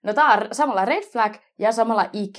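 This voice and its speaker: A young woman co-hosting a casual podcast chat, easygoing and agreeable, laughing along. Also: on the high side. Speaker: podcast co-host.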